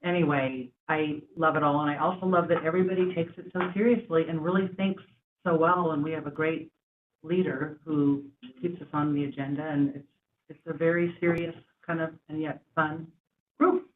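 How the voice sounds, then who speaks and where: A woman's voice: low voice, steady tone, moderate pace. A woman with slightly slurred speech from wearing a retainer, speaking informally as a board member at a meeting. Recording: echoey, noisy, phone-like meeting room audio.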